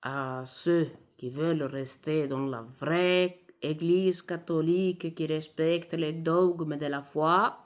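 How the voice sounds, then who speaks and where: A woman from Italy, a native Italian speaker with an Italian accent in French, giving informal spoken commentary in a halting way as she searches for words. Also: low-pitched, fairly even intonation. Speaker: video commentator.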